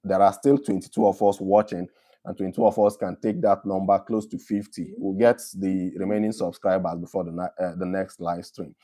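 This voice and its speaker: A Nigerian man hosts a live stream Q&A, reading viewer questions aloud and answering them one by one. His voice sits low and sounds mellow and dark. He talks in an easy, conversational way. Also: little pitch movement, a little fast.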